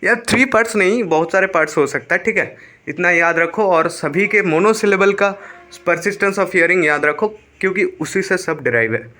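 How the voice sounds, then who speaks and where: A man's voice: high-pitched, normal speed, sharp tone. A young man teaching a physics lesson, explaining step by step, repeating key terms and mixing in English phrases. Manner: mixes English phrases into Hindi.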